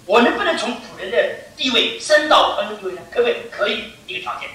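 An older male pastor preaches with a bright, cutting edge and a high, swooping pitch that climbs and dives through each phrase. He drives his points home with emphatic bursts. The sound carries the long echo of a large hall, picked up from well back. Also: quick pace. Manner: animated, emphatic preaching, often says "I tell you". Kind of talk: sermon. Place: church. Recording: echoey hall, mic far off.

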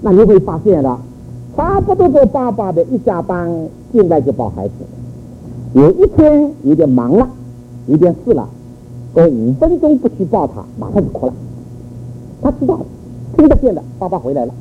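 Older male church speaker, high and animated, storytelling sermon, narrow phone-quality recording. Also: moderate pace, pauses often. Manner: animated storytelling with rhetorical questions. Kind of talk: sermon on child-rearing. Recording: phone-like narrow audio with faint noise.

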